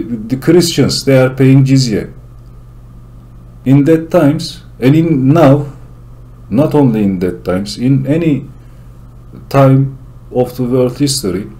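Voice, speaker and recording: A channel host from Turkey delivers a solo commentary in English with a Turkish accent, laying out his points earnestly and with care. His voice is medium in pitch and mellow.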